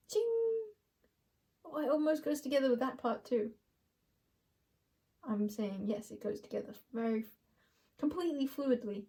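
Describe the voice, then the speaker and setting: A woman's voice: fairly high pitch, a little mellow. A young woman doing an intuitive card reading for viewers, musing aloud and laughing often. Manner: giggly, musing, talks to viewers as you guys. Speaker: tarot card reader.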